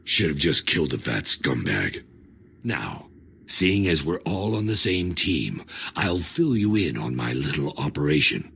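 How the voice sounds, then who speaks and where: A sardonic agent, gravelly and low. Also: male voice, very animated, unhurried, pushed and bright, a little hiss or hum, heavily acted. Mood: sarcastic. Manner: sarcastic, laid-back. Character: sardonic male agent, dry wit.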